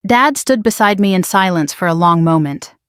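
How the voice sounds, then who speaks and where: A woman narrating a first-person story in a measured, quietly dramatic manner. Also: lowish voice, expressive, clean tone, dry recording, studio quality.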